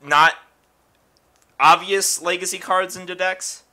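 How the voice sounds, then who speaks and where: A young man talks through a card review in loose, joking banter, often stumbling and restarting mid-sentence. His voice is very bright and sharp-edged, with an ordinary middle pitch. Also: expressive, normal speed. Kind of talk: casual chat.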